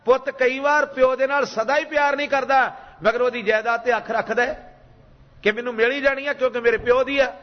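A man's voice: very high voice, steady tone, fairly quick, big-room sound, highs cut off. A man with a Punjabi accent giving a Sikh sermon, chanting scripture and calling on the congregation to repeat lines after him. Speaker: Sikh preacher giving katha.

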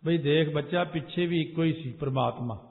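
Male preacher, slow chanted verses, fast explanations, raised voice, thin phone-like audio in a big reverberant hall. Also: on the high side, gravelly. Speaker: Sikh preacher. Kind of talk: sung scripture with spoken commentary. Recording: tinny phone-like sound with long hall reverb.

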